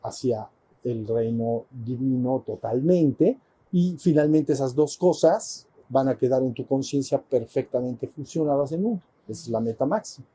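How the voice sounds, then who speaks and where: Spiritual teacher, chatty storyteller, really dark mellow voice, bit husky. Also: male voice, mid-range voice, moderate pace. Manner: colloquial, playful storytelling. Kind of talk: casual spiritual teaching to a group.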